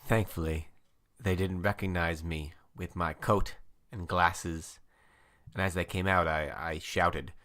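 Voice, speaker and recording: A man co-hosting a comedy podcast, telling his part of an improvised story in a chatty, quick first-person way. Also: sits low, fairly even intonation, bright, forceful tone.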